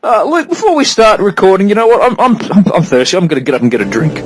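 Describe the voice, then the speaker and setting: A man's voice: wildly swooping pitch, fast talker, husky. A man co-hosting a crude comedy podcast, joking around and laughing a lot. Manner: jokey, squeaky swoops, laughs a lot. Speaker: podcast co-host.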